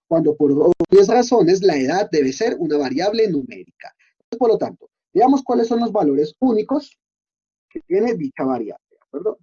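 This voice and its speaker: A man's voice: fairly high pitch, mellow, slightly rough, lo-fi sound. A man giving a screen-recorded coding lesson, explaining step by step and often checking in with his students. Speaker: instructor.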